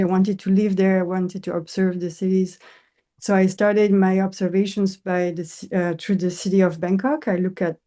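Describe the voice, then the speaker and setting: With a warm, medium-pitched voice, a woman from Switzerland replies in English to an interviewer's questions. An architect and professor, she hesitates often and fills her answers with fillers.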